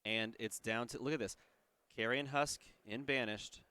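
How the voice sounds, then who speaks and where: Man, tournament caster, excitable play calls, headset mic. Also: medium pitch, moderate pace, smooth. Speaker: play-by-play commentator. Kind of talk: esports card game commentary.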